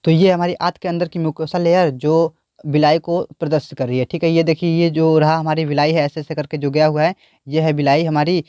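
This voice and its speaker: A man's voice: fairly high pitch, steady tone, fairly quick, darkish tone, clear, resonant tone, no room sound, muffled recording. A man teaching biology, explaining a diagram and repeatedly asking the class questions.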